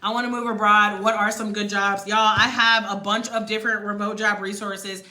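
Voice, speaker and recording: An American woman giving a motivational livestream talk, loud and sharp, blunt and emphatic, stretching key words for effect. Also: mid-range voice, little pitch movement, moderate pace. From United States. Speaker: livestream host coaching on moving abroad.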